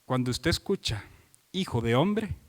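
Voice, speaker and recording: A man's voice: medium pitch, expressive, measured pace, in a large hall. A man preaching an expository sermon, driving his points home with repeated phrases and questions put to the congregation. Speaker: pastor.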